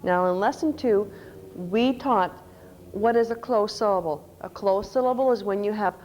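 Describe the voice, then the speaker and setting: A Canadian woman with a medium-pitched, slightly mellow voice presents a conference workshop on teaching reading, explaining step by step at a moderate pace and spelling out letters. She speaks into a microphone in a conference session room, and the recording is rough.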